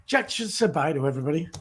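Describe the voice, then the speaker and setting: A man hosting a casual live stream, talking haltingly with many "uh" fillers. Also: on the high side, breathy edge. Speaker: host.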